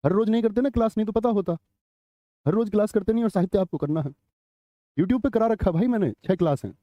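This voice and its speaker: A man's voice: high voice, fast talker, mellow, dry recording, lo-fi sound. A man teaching a live online exam-prep class, chatty, quizzing students and reading their chat comments aloud. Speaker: Hindi teacher.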